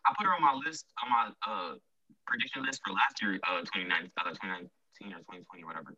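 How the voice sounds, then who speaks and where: A man co-hosting a podcast in casual chat, loose and animated, often trailing off and restarting. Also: deep voice, rapid-fire, distant mic. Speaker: podcast co-host. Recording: muffled, off-mic.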